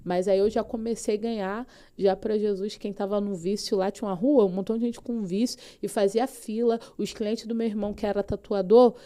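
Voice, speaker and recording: Brazilian lady pastor telling her faith story, warm low-key tone, really vivid and fervent. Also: steady tone, fairly quick, hardly any pauses. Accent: Brazilian Portuguese. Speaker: pastor, podcast guest. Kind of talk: personal faith testimony.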